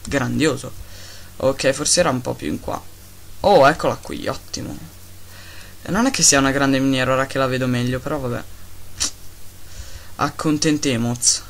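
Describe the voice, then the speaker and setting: A man giving casual, excitable gameplay commentary, talking to his pets and grumbling at lag. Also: medium pitch, a little fast, creaky. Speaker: Minecraft let's-player.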